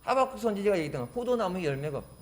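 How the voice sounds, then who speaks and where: Man, pastor, sermon, very high voice, emphatic preaching. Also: big pitch swings, rapid-fire. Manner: emphatic preaching, acting out quoted taunts and prayers.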